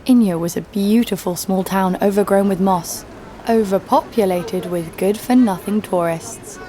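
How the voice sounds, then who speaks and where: In an audio drama, a woman plays a fearless, sardonic bounty hunter who narrates her own story in a dry, snarky, wry way. Her voice is medium-pitched, mellow, a little slow, and close to everyday speech. This is scripted first-person narration over background music, with a faint hiss or hum.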